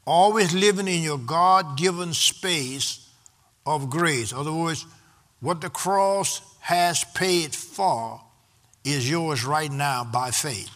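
A man's voice: on the high side, slow, a bit bright. A man preaching a sermon, in rhythmic repeated refrains that build in intensity. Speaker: pastor.

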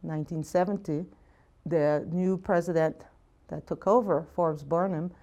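Woman interviewee, very low mellow voice. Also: steady tone, unhurried, lo-fi sound. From Guyana. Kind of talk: interview testimony.

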